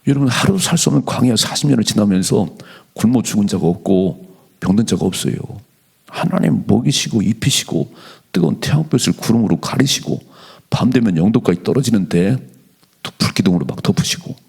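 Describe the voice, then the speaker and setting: Low gravelly male pastor preaching. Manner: animated preaching, slows to read scripture aloud. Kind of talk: dawn prayer sermon. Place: church sanctuary.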